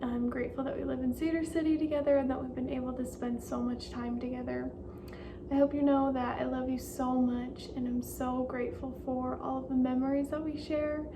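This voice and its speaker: A woman's voice: high-pitched, level tone, brisk, recorded from a distance, background noise. A young woman giving a cheerful, grateful birthday message to her grandfather, laughing often.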